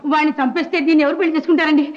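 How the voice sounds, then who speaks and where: A woman's voice: high voice, fairly even intonation, very fast, natural voice. An actress playing an anxious, fussing middle-aged mother in a dull old film soundtrack. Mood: pleading. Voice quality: fretful, exclaiming. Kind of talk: 1970s film acting.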